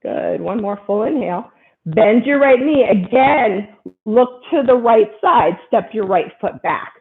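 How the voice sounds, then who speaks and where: A woman with a fairly high voice guides a yoga class from pose to pose, keeping up brisk, upbeat prompts on alignment and breath. The audio is tinny and thin, as if heard through a phone, and her cues come short and constant.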